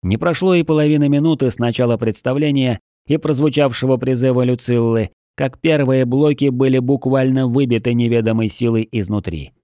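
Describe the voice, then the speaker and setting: Brief: male audiobook narrator, warm low voice, steady storytelling delivery, dry booth. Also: no echo. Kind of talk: scripted narration.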